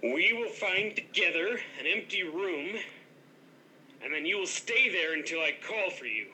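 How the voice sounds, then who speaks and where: An actor playing a pompous, condescending headless ghost who runs a hotel as self-styled master of an island, with a bright voice. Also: male voice, high voice, animated, unhurried, a little hiss or hum, heavily acted, poor audio. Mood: haughty. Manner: haughty, grandiose, condescending. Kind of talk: improv comedy scene.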